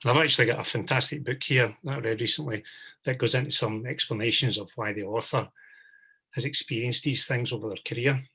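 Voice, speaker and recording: Man with a bright, husky voice. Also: mid-range voice, fairly quick. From Glasgow, Scotland. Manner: polite and thoughtful, building up his question at length. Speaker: meetup attendee asking a question.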